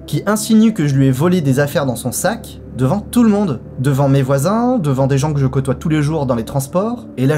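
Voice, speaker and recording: A man's voice: medium pitch, a little hiss or hum. Guy telling a story on his channel, slangy, talks straight to you, bouncy voice. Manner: lively, colloquial, addresses viewers directly. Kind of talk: storytelling vlog.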